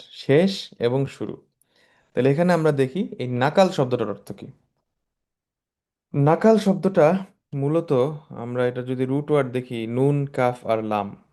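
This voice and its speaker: Male teacher of Quranic grammar, mellow dark tone, explains word by word, slips into English terms. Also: mid-range voice. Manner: slow, measured recitation of verses.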